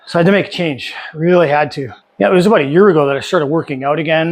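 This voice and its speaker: A man's voice: a little high, rapid-fire. A man in his fifties talking casually and candidly to camera as a vlogger, with many fillers and restarts. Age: 50s. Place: home workshop.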